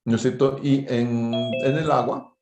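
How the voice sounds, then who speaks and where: Music plays in the background as a university engineering lecturer teaches informally and didactically, sprinkling in short tag questions to check on students. His medium-pitched voice is fairly even in intonation and measured in pace, and the audio is roomy and echoing like an online class.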